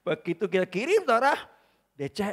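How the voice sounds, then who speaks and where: A male pastor preaching an emphatic sermon at a church service, swinging between loud bursts and quiet asides and calling out to the congregation often. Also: high voice, sing-song, brisk. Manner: addresses the congregation again and again as brothers and sisters.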